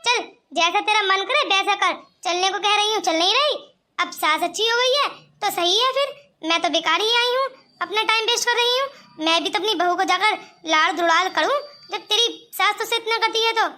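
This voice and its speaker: A worried mother in a cartoon, as a woman voices her, coaxing and fussing over her married daughter. Her voice sits very high and sounds bright and sharp. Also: moderate pace. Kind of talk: cartoon voice acting.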